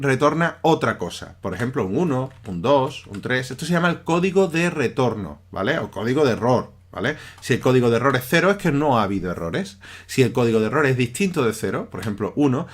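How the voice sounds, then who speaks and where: Guy from explaining code in a screencast, chatty, keeps checking if you follow, mid-pitched voice, keys clacking now and then. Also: husky. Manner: conversational, often checks in with listeners. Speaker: teacher. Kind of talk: screencast programming lesson. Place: at a computer, voice-over of a screen recording.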